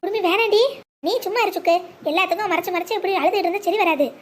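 Shrill scolding village granny. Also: female voice, a little hiss or hum. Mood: blunt. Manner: scolding, blunt, fast-talking. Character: sharp-tongued old village grandmother. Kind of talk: Tamil cartoon voice acting.

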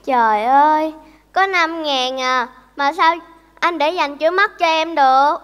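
An actress playing a gentle, blind young beggar girl in a stage comedy sketch, soft and polite. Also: sits high, measured pace, in a large hall.

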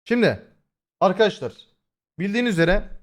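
Here a young man talks live to his stream audience, very animated and fairly quick in a high voice. He curses freely, speaks right to chat, and rambles with many fillers. His voice has been hoarse lately.

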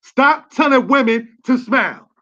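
High-voiced preacher man, lo-fi. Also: animated, measured pace, pushed and bright. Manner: preachy, streetwise, asks "you understand?". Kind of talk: religious teaching.

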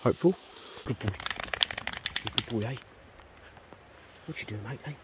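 A middle-aged New Zealand man with a mid-range voice, a homesteading vlogger, talks a little slowly and casually about his homestead jobs while coaxing his dog outdoors with "good boy" and "mate." His manner is relaxed and practical. It was recorded on a body-worn action camera outdoors on a rural homestead and in bush, with heavy background noise.

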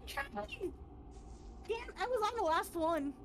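A woman's voice: extremely high pitch, a little slow, very noisy. A woman casually chatting and joking with friends while playing a horror video game. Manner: excitable, joking, sings nonsense syllables. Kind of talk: casual gaming chat.

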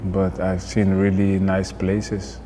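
Dutch-accented young man, relaxed and hesitant. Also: low-pitched, takes it slowly, a little hiss or hum. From Netherlands. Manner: relaxed, hesitant, many fillers. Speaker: football player. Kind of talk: casual interview answers. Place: indoor hotel room.

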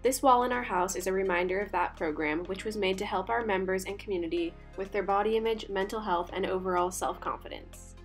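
A woman's voice: medium pitch, fairly quick, hardly any pauses, faint music behind. A young woman giving scripted voice-over narration for a house tour, upbeat and informative. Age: young adult.

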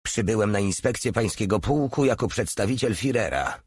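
A man's voice: on the low side, lively intonation, brisk, slightly rough, no room sound, voice pushed up. A man reading an audiobook, voicing a bullying, pompous male SS general who barks harsh orders. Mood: harsh, barking.

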